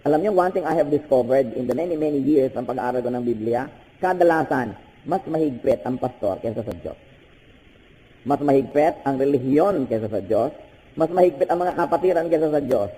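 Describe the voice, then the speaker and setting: A man's voice: moderate pace, slight background noise. Older Filipino man preaching a sermon. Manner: animated preaching with sudden high-pitched bursts; switches between Tagalog and English. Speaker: pastor. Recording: hall with long reverb.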